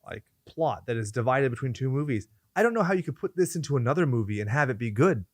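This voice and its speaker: A man's voice: mid-range voice, expressive, fast talker, no room sound. A man hosting a podcast in casual chat, riffing in crude joking rants full of swearing. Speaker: podcast host.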